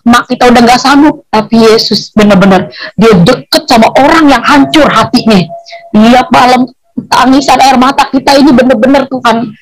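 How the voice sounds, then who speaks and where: A woman's voice: on the high side, rough recording. A woman telling her personal faith testimony, emotional and chatty, her voice sometimes breaking into tears. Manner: emotional, voice at times tearful and breaking; informal, chatty storytelling with local slang.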